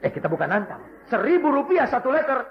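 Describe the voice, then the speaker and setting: A man preaching a lively sermon full of humorous stories, jumping from loud shouts to hushed asides and acting out the people he quotes. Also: extremely high pitch, fast talker. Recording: dull lo-fi recording.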